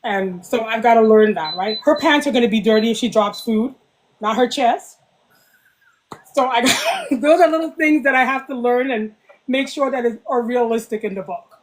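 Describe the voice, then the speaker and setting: Woman writer chatting on a podcast, a bit high pitched, acts out what people say. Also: expressive, moderate pace, slight background noise, poor audio. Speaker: interviewed author. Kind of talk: casual podcast interview chat.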